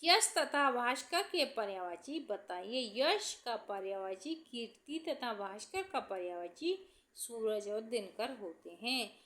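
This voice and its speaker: A young woman teacher reading out exam questions and answering each one, slowing down to list examples. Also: on the high side, lively intonation, a bit bright. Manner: reads each question, then answers it slowly, listing examples.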